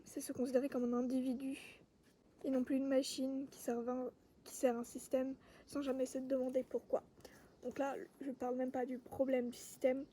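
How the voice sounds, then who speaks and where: Soft-spoken woman musing outdoors. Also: sits high, a little hiss or hum. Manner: calm, soft-spoken, sometimes drops to a whisper. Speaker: vlogger. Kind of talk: reflective personal monologue. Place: outdoors among trees.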